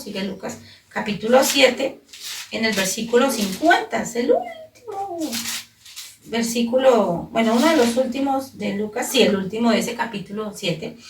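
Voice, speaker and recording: A woman's voice: a little high, slight background noise. A woman with a Colombian accent giving an earnest Bible sermon to families and children, explaining the scripture step by step. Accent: Colombian Spanish. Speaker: children's program preacher. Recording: echoey room, distant mic.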